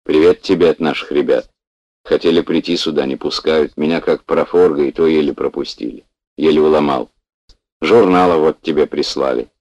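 A man's voice: very deep voice, normal speed, no echo, dull audio. A man voicing a fat, agitated, talkative middle-aged man in glasses, read as part of an audiobook. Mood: chatty. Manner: shouting in alarm, then chatty.

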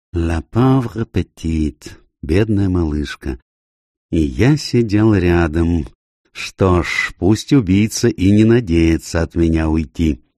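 A man voicing an older Belgian detective who speaks slowly and gravely, slipping in French words. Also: low-pitched, warm tone, no room sound, clean studio sound. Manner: slow, measured, drops French words. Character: older Belgian male detective, calm and stern.

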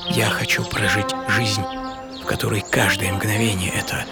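In a studio audio play over a music bed, a man gives an intimate, theatrical first-person monologue as a famous American astronaut recalling his life from boyhood to quiet old age, swinging between eager and hushed in a reflective mood. His voice is fairly low and close to everyday speech, with a flat delivery at normal speed.

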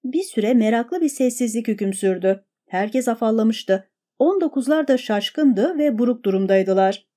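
A woman narrating a story in a steady, expressive audiobook reading. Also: a little high, normal speed.

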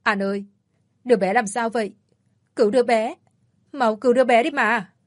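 A woman's voice: medium pitch, fairly even intonation, a little slow, dry recording, clean studio sound, lightly acted. A woman voicing a frail young mother who pleads in a trembling voice. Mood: frantic. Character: young mother, frail and frantic over her newborn.

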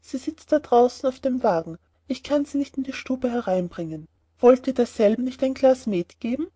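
Woman reading a sly poor young peasant in a storybook, fairly high, dry close sound. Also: animated, moderate pace, mellow, slightly rough, no room sound. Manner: sly, plainly spoken.

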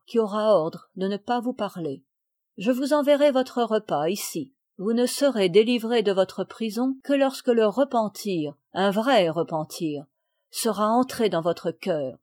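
A woman voicing a calm, stern aristocratic lady who speaks in a measured, cold and formal way, as in a read storybook. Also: medium pitch, no room sound, studio quality, close to an everyday voice.

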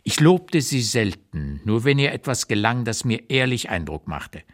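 For a literary radio play, an actor portrays a blunt 85-year-old writer reflecting on his life and reading memoir notes in a measured, deliberate, emphatic manner. His medium-pitched delivery is sing-song and lightly acted, with a reflective, candid mood.

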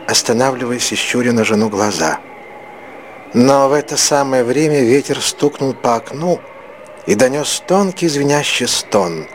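A man narrating a classic story in a slow, expressive audiobook reading. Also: medium pitch, slight background noise.

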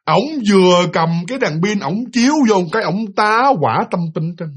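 A man with a Southern Vietnamese accent, casually retelling a ghost story in an animated way, full of fillers and repeated words. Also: high-pitched, normal speed, breathy edge.

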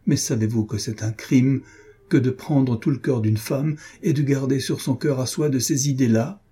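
A man's voice: mid-range voice, moderate pace, warm tone, slightly rough, close to an everyday voice. Man reading Hélène, a furious wounded woman. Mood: pleading. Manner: impassioned, pleading, ironic reproach. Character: wounded, furious woman confronting her lover. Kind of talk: audiobook reading of a classic novel.

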